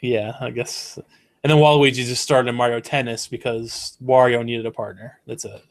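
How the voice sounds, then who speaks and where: Dude co-hosting, rambles a lot, mid pitched voice, super casual. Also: male voice, little pitch movement, normal speed. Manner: rambling, trails off with fillers. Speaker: co-host. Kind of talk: casual chat.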